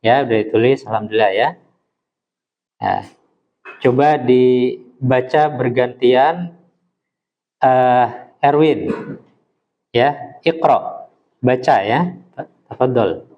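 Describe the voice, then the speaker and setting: A man teaching an Arabic class, patiently modelling pronunciation slowly for his students. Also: medium pitch, highs cut off. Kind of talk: classroom lesson.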